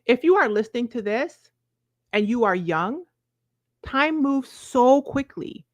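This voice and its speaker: A woman's voice: a little high, lively intonation, a little slow, no room sound, dull audio. A woman in her forties with a Virgin Islands accent, giving an emphatic, conversational motivational talk to viewers, often checking in with short questions. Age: 40s. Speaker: self-help coach.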